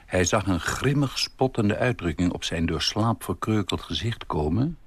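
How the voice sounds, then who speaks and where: A man reading a literary story aloud for radio in a calm, measured way. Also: sits low, breathy edge, no room sound. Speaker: reader.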